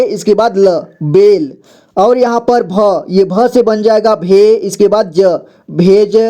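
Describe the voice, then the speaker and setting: Patient high-voiced man teaching reading. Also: warm tone. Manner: patient, repeats each word twice, frequent "ठीक है". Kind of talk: children's reading lesson.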